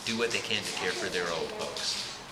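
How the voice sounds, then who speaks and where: Low-voiced man in echoey noisy room. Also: animated, moderate pace, a crowd in the background. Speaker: interviewee, sailor. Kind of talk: casual interview. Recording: echoey room, loud party noise.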